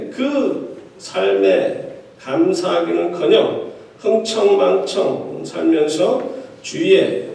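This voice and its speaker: A man's voice: sits high, gravelly, darkish tone. A man preaching a sermon as pastor in a church, talking to the congregation in a chatty, joking way. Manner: conversational preaching with quips to the congregation. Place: church sanctuary. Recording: echoey hall, distant mic.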